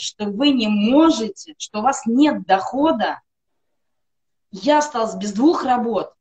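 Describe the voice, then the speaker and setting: On a video call from indoors at home, a middle-aged woman whose voice is on the high side and a little mellow earnestly vouches for a wellness product. She's a guest on a live stream and keeps stacking up emphatic lists.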